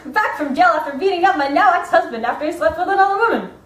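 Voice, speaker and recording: A young woman playing a pushy, excitable infomercial pitchwoman in a parody ad. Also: fast talker. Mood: peppy salesmanship. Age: young adult. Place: office-like indoor room. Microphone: camera across the room. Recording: roomy indoor echo, background noise.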